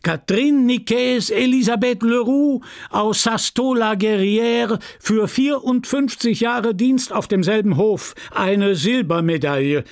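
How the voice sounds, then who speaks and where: A man voicing a pompous male official loudly proclaiming a list of prizes in an audiobook reading. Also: measured pace, hardly any pauses. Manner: loud, proclaiming, raised pitch.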